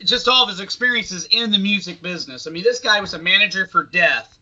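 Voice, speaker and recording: A man's voice: high-pitched, fast talker, pushed and bright. A man co-hosting a casual podcast, talking emphatically with frequent swearing. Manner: profane, emphatic. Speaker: podcast co-host. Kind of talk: casual chat. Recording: dull lo-fi audio.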